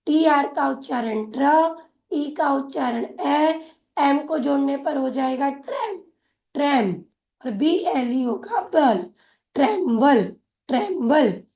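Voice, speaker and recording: Woman, phonics teacher, unhurried delivery, says each word twice. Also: high voice, expressive, darkish tone, reverberant. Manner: slow, patient, repeats each word twice. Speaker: English teacher. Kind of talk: phonics lesson, spelling out and sounding words.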